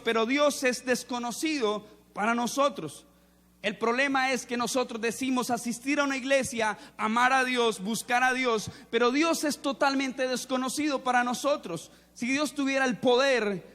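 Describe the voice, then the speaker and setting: A male preacher giving a sermon to young people, telling anecdotes in a lively way and asking the audience questions. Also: extremely high pitch. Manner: storytelling, animated, quizzes the audience. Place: church or seminar hall. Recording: echoey hall.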